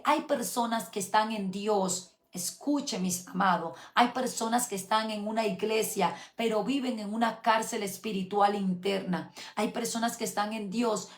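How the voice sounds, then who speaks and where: A woman preaching a sermon with passion, speaking straight to her listeners, swinging between hushed and loud and drawing out words. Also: a little high, echoey room. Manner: addresses listeners directly with rhetorical questions.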